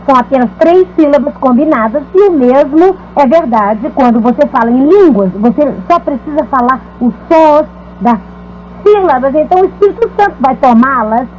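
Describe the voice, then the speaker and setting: A woman preacher teaches a congregation with lively, animated delivery. Her voice sits high. The recording is dull and lo-fi with a faint hum behind it. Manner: lively, chanting repeated words in demonstration. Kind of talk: dubbed teaching talk to a congregation.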